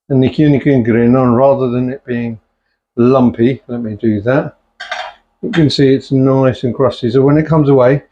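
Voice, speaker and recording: A warm, mid-range voice belongs to a middle-aged man casually showing how he cooks at home in his kitchen. He chats easily and sprinkles in Punjabi-Urdu phrases. It's a dull lo-fi home recording.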